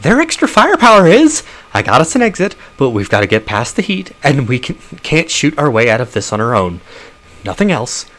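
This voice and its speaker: A man voicing a frantic, bossy young orc girl in a game, pushing his voice high and loud. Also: wildly swooping pitch, brisk. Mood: urgent. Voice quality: high and shouting.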